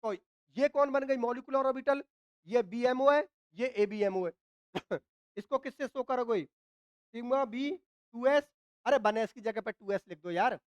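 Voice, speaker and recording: A chemistry teacher with a Hindi accent and an extremely high voice lectures at a whiteboard, recorded with no room sound. His throat is dry and he coughs. He keeps checking in with his students, asking them questions he answers himself, repeating points and often saying "ठीक है ना".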